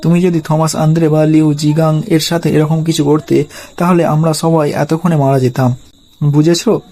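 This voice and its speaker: A man voicing a stern, bossy middle-aged male official, in a flat read-aloud delivery. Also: fairly high pitch, normal speed, natural voice. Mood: angry.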